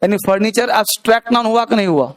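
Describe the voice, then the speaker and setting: A man's voice: high-pitched, fast. A male English grammar teacher giving a live classroom lecture, constantly firing rhetorical questions at his students.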